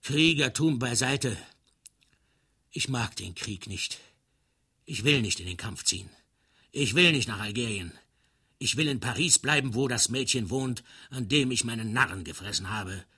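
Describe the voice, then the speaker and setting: A man's voice: medium pitch, animated, a little slow, bright, forceful tone, husky, heavily acted. A man voicing a pleading, panicked young soldier. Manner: pleading, theatrical and long-winded. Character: panicked young male soldier dreading war. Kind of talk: dramatic literary reading.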